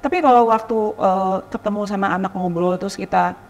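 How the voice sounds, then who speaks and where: A woman speaks as a vicar and educator in a chatty panel discussion. Her voice sits at a mid pitch. A long hall reverb trails behind her words. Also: fairly quick, a little mellow. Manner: chatty, tags sentences with "gitu ya".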